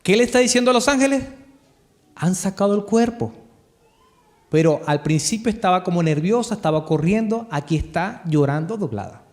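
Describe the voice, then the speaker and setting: Speaking fast with hardly any pauses, a man with a high, animated voice preaches live in church as a pastor. His Chilean Spanish accent comes through as he tells the story vividly and questions the congregation.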